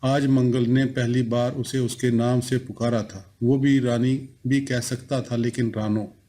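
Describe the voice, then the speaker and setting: Mellow male audiobook narrator. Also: mid-range voice, flat delivery, a little slow. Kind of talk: scripted narration.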